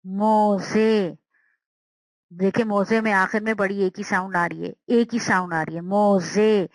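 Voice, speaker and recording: A woman teacher giving a slow, patient language lesson, sounding out words and repeating them. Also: mid-range voice, fairly even intonation, no room sound, rough recording.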